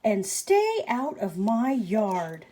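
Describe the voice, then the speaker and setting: A woman reading as a yelling grumpy cactus. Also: mid-range voice, wildly swooping pitch, very slow, exaggerated voice. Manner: yelling, gruff. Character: grumpy male cactus who wants to be alone. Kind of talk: picture book read-aloud.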